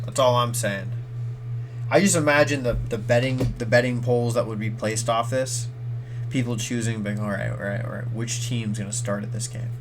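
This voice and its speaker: A man's voice: medium pitch, slight background noise. A man hosting a solo podcast, rambling and swearing with many restarts, in a slightly nasal voice, with an air filter and ceiling fan humming in the background. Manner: rambling, profane, full of restarts and asides. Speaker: podcast host. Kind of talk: casual solo podcast rant. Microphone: desk mic, no headphones.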